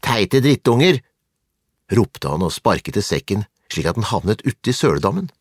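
Male storybook narrator, husky, lively intonation, dry close sound. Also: deep voice, dry recording. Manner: calm, measured narration. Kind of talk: storybook reading.

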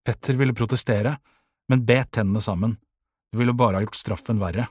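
A man narrating a children's audiobook in a calm, measured way, with a husky voice. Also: on the low side, no room sound, clean studio sound.

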